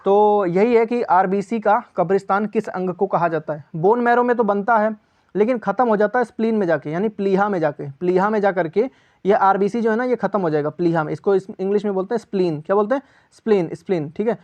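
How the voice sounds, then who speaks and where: A man with a high, slightly mellow voice speaks quickly, with the highs cut off in the recording. As an exam-prep teacher running a casual quiz, he chats with viewers, asks for their answers, and repeats each key answer as question and reply.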